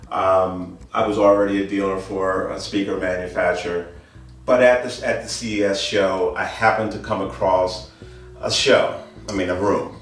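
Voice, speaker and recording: Speaking in a fairly low but slightly bright voice, a middle-aged man presents audio gear casually as a dealer, stressing points and repeating phrases often. The distant handheld camera mic, a few meters away, catches echo from the wood-floored studio and music in the background.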